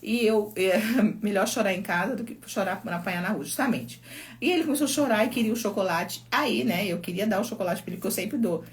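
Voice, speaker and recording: A woman's voice: medium pitch, brisk. Middle-aged Brazilian woman, psychologist hosting a live stream, chatty anecdotal delivery, phone mic. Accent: Brazilian Portuguese. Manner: chatty storytelling, reads viewer comments aloud. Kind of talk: casual live-stream chat.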